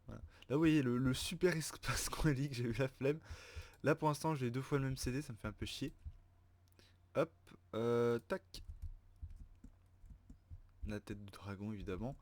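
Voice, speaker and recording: A man's voice: medium pitch, moderate pace, long pauses, a little mellow. Hesitant, rambling young-sounding man. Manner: rambling, hesitant, many fillers and restarts. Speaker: Minecraft server player showing his base. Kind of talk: casual gameplay commentary.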